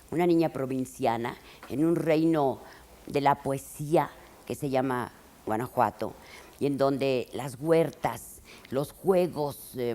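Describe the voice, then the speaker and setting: Elderly Mexican woman, eighties, reflective interview, halting, expressive delivery. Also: extremely low pitch. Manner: expressive, halting, with restarts and dramatic emphasis. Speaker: writer interviewed in archive footage.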